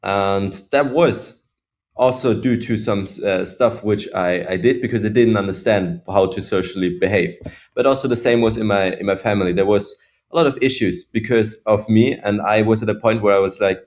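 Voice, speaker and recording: A man from Switzerland telling his personal story as a podcast guest, reflective and halting, often restarting his sentences. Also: fairly low pitch. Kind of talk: casual personal story in interview.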